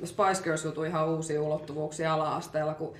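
A woman's voice: sits low, little pitch movement, slight background noise. Chatty woman laughing through her stories. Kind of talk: casual chat. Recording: echoey room.

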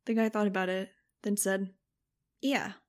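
A woman reading an audiobook aloud in steady scripted narration. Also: medium pitch, moderate pace. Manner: steady, even storytelling.

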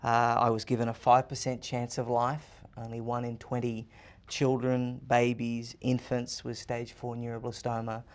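Monotone and medium-pitched at a moderate pace, this Australian-accented podcast guest in his thirties sounds sure of himself. He responds to interview questions with emphatic phrasing that piles points into rhetorical lists.

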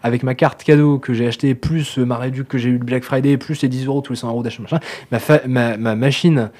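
A man co-hosting a casual podcast, talking quickly and acting out the people in his stories. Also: medium pitch. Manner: animated, tells anecdotes acting out quoted dialogue. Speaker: podcast co-host.

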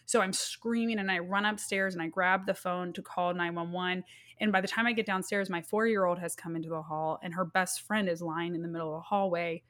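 A woman's voice: on the low side, steady tone, a bit bright. Woman telling a painful story. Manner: earnest, halting, retelling a loss. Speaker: guest. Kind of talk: emotional personal storytelling.

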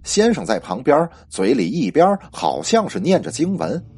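Husky male ghost-story narrator. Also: medium pitch, moderate pace. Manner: lively spoken storytelling.

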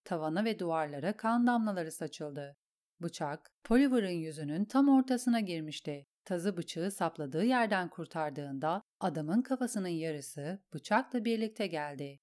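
Woman reading an audiobook, steady and measured. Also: lowish voice. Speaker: narrator.

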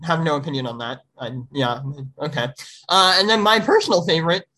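Bright-voiced young host, upbeat and chatty. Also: male voice, a little high, big pitch swings, poor audio. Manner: upbeat, quick to laugh, many fillers. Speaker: podcast host. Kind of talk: casual podcast chat.

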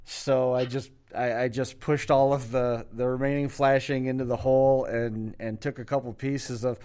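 On a relaxed podcast, a male co-host works through a lengthy tale, restarting lines and heaping up details as he rambles. His clean, mellow, mid-range voice moves little in pitch and runs at normal speed.

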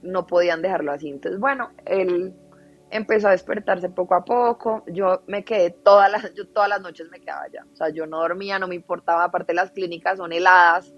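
Podcast guest, female, emotional storyteller, slightly muffled recording with soft music under it. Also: lowish voice, steady tone, brisk. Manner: emotional, recounting at length, laughs through sad moments. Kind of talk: personal storytelling in a podcast interview.

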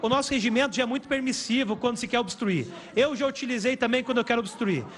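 A man chairing a heated parliamentary session, exasperated and talking over shouting. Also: extremely high pitch, quick pace. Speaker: committee chair. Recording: loud crowd noise in a chamber.

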